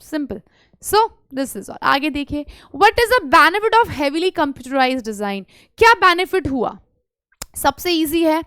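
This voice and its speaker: A woman teaching an English exam lesson online, mixing Hindi and English and coaxing students with quick questions. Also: high-pitched, fairly bright tone, no room sound, studio quality.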